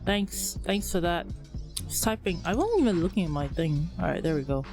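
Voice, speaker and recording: A woman streamer with a somewhat low voice, talking through a slight lisp in a loose, rambling way. She chats casually with her viewers while soft game music plays faintly behind her. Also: moderate pace. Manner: relaxed, rambling, chatty with viewers. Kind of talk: casual live-stream chat.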